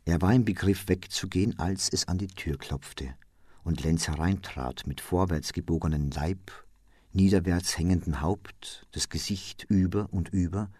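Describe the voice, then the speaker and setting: A man narrating a classic story for public radio in a measured, composed way. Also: low voice, a little mellow, breathy edge, no echo, clean studio sound. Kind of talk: literary reading for radio drama.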